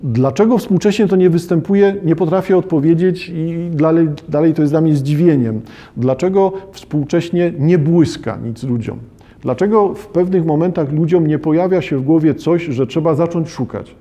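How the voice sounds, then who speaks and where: A man's voice: fairly high pitch, normal speed, dark tone. A man lecturing on a novel, reflective in tone, reading passages aloud and addressing his listeners directly.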